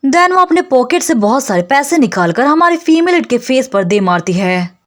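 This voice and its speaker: A woman narrating a comic story recap in a brisk storytelling manner. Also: high-pitched, sing-song.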